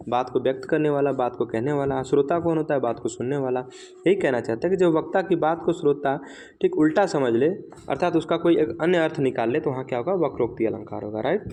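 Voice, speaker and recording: A man with a slightly high voice teaches an exam revision class. He poses rhetorical questions and answers them himself, and keeps checking with "right?". He slows right down whenever he recites an example line. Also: a little mellow, a little hiss or hum.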